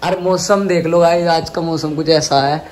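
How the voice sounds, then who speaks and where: A man's voice: on the high side, steady tone, moderate pace, crowd noise. A young man hosting a casual vlog, chatting and teasing friends, filmed on a phone held at arm's length. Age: young adult. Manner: chatty, teasing, loud bursts. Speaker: vlogger. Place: home rooftop and streets, outdoors and indoors.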